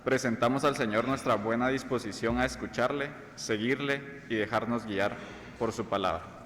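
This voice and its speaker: A man of medium pitch reads a formal liturgical line. His voice is wrapped in heavy church reverb, with faint noise around it. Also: moderate pace, a bit bright. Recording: echoey church, distant reverb, background noise.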